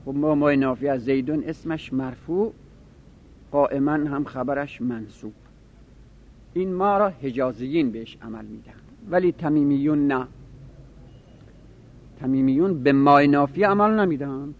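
A man's voice: fairly high pitch, a little hiss or hum. Man teaching grammar, lo-fi recording. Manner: explanatory, repeats example phrases slowly. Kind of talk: seminary grammar lesson. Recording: dull lo-fi recording.

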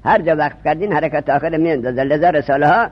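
A man teaching a religious studies class, repeating key terms and quizzing his students with questions. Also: on the high side. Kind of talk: classroom lesson. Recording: dull lo-fi recording.

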